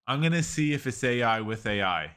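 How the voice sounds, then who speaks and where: In a casual screen-recorded review of an AI tool, this tech reviewer rambles, says "like" constantly, and keeps restarting sentences. He speaks in a smooth, mid-range, sing-song voice that's brisk and a bit bright.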